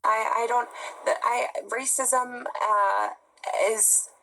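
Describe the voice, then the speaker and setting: A woman in her twenties being interviewed on television, answering in a halting, defensive way. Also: on the high side, steady tone, gravelly, pushed and bright, rough recording. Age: 20s. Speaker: interview guest. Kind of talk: broadcast news interview.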